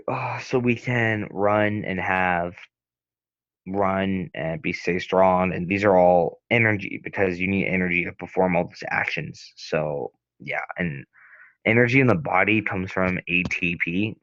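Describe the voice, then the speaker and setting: A man's voice: deep voice, fairly bright tone, dry recording. A young man tutoring a physics lesson in a casual, hesitant way, rambling with many restarts and fillers. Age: young adult. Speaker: student tutor. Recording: dull, lo-fi sound.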